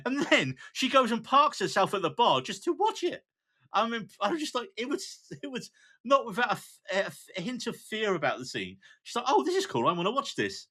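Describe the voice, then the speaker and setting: A man co-hosting a podcast, with a bright, forward voice. His pitch swings widely as he chats eagerly, working through a list of notes. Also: sing-song, brisk. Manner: enthusiastic, reads out notes and lines. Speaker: podcast co-host. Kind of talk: casual chat.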